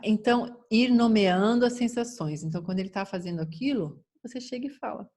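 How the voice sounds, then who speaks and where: A woman's voice: medium pitch, fairly quick, mellow, slight background noise. Woman giving parenting advice. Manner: acts out parents and children in quoted lines. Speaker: parenting educator. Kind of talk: informal talk on child-rearing.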